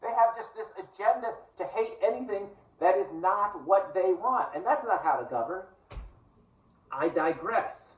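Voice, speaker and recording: A man's voice: high-pitched, expressive, a little slow, reverberant, recorded from a distance, lo-fi sound. A man from the United States, talking to camera in a casual, digressive and earnest monologue. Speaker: vlogger.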